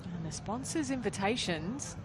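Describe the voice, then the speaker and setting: A woman gives live golf commentary in a conversational way, with a mid-pitched voice. Outdoor background noise is clearly audible behind her as she follows the play for television. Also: lively intonation, moderate pace. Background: outdoor ambience.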